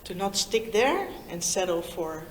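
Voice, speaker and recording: A woman's voice: fairly low pitch, sing-song, echoey room, slight background noise. A woman in her fifties, a native Dutch speaker, giving an informal, chatty talk to a group of young people and drawing them in with questions. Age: 50s. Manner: slow, warm and chatty, draws in her listeners. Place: meeting room in Lusaka.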